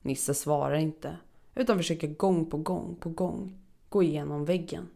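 Low, creaky-voiced woman narrating horror. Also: warm tone. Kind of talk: first-person horror story narration.

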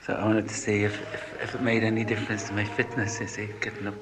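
A man's voice: on the low side, little pitch movement, quick pace, a crowd in the background. A man giving blunt, opinionated answers in a casual interview. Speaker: hill climber interviewee. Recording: noisy location recording.

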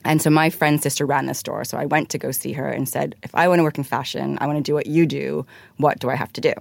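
A woman from Hong Kong answers casually as a guest in a studio interview, rambling chattily with lots of "like"s and restarts. Her voice is extremely low, creaky and fast with fairly even intonation, captured on a studio mic with no echo.

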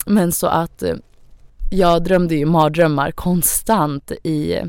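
A woman's voice: deep voice, fairly even intonation, a little mellow, clean tone. A young woman, a podcast guest, tells a personal story in casual chatty talk, full of fillers. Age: young adult. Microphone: studio microphone.

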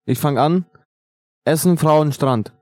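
A man with southern Italian roots in relaxed podcast chat, making cheeky jokes with his co-hosts. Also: a little high, slow pace, no room sound, clean studio sound. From southern Italy. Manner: joking, cheeky banter. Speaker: podcast co-host.

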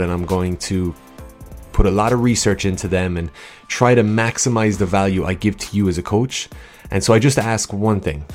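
Low-voiced man hosting a casual podcast. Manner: informal, chatty, goes off on tangents, addresses listeners directly. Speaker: podcast host, coach. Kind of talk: casual solo podcast talk with scripted opening. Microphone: studio podcast microphone.

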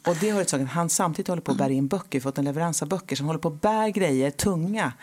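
A woman, a guest in a casual interview, telling stories in an animated way and acting out quotes. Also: sits low. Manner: animated storyteller, acts out quotes.

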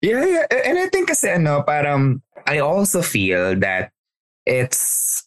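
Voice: mid-range voice, very animated, slow, no room sound. A podcast co-host chatting casually and dropping pop-culture references. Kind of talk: casual chat.

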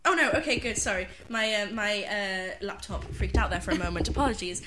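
A woman co-hosting a casual podcast, giggly and animated with quick asides. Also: mid-range voice, soft background music. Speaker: podcast co-host. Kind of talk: casual chat.

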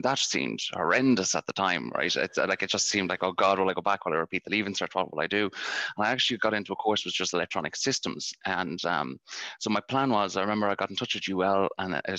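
A man's voice: sits low, pushed and bright, no echo. A man with a west of Ireland accent, telling casual, rambling stories as an interview guest. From County Galway, west of Ireland. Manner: rambling, conversational storytelling. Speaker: podcast guest, company founder.

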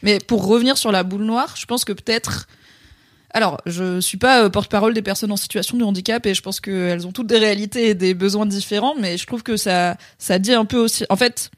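A woman's voice: mid-range voice, fairly quick, dry recording, clean studio sound. A woman co-hosting a podcast in casual chat, talking things through thoughtfully and rephrasing as she goes. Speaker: podcast co-host.

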